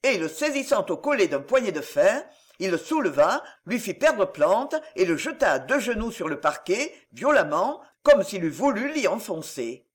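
A man narrating a classic novel as an audiobook, in an expressive storytelling manner. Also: high voice, normal speed.

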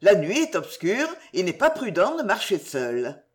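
A woman voicing an earnest young man in love in an audiobook, speaking gravely and tenderly. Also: mid-range voice, huge pitch swings, a little slow. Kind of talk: audiobook character reading.

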